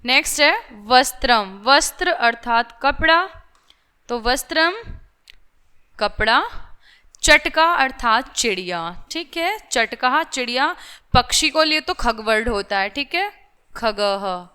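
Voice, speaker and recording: A woman's voice: on the high side, expressive, takes it slowly, sharp tone, clean tone. A woman teacher going through a vocabulary list for young children, saying each word several times, asking "theek hai" again and again and mixing in English words.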